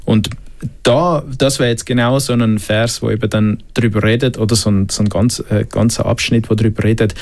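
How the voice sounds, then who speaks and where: Speaking briskly in a fairly low, steady, slightly mellow voice, this panel guest from Switzerland reflects on the Bible in a faith discussion. His Swiss German accent comes through, along with frequent filler sounds and restarts.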